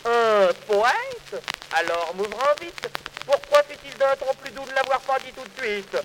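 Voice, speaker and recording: A man's voice: very high-pitched, lively intonation, normal speed, background noise. A man reciting a poem in a theatrical, declamatory stage manner. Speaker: reciter of poetry.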